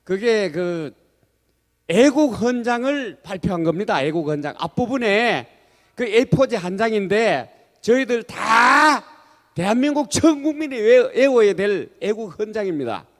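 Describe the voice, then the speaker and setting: High-voiced man hosting a rally. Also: lively intonation, measured pace. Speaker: master of ceremonies at a rally. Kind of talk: formal event announcing. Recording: echoey hall PA with long reverb.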